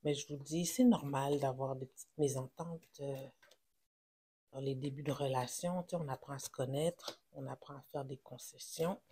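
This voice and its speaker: Husky tarot reader with a Québécois accent. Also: medium pitch, fairly even intonation, dark tone. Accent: Québécois French. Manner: reassuring, halting, with many fillers and self-corrections. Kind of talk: casual tarot reading to camera.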